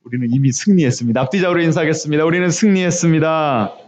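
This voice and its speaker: A middle-aged man preaching at an early-morning service, his fairly high voice rising as he presses the congregation with question after question. The recording is dull and lo-fi, as if from a church stream. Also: racing, darkish tone. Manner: questioning the congregation, emphatic rises. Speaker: pastor. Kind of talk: sermon. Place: church sanctuary, also streamed on video call.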